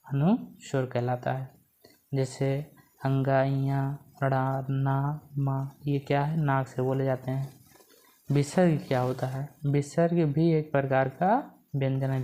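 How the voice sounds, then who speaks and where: A woman teaches an exam-prep grammar lesson in a low, dark-toned voice. She keeps asking the class questions and answering them herself. She repeats each key point so it sticks.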